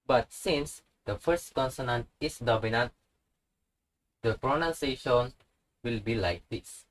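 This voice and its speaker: A man's voice: mid-range voice, unhurried, rough recording. A man teaching a language lesson, patiently repeating each example word. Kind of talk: slow instructional tutorial.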